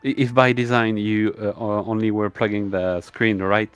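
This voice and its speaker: A tired man, up all night, talks shop as a stream guest. He gropes for words, full of fillers and restarts, in a low voice. The sound is dry with no room echo. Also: level tone, clear, resonant tone, faint music behind. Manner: halting, many fillers and restarts. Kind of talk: casual technical chat.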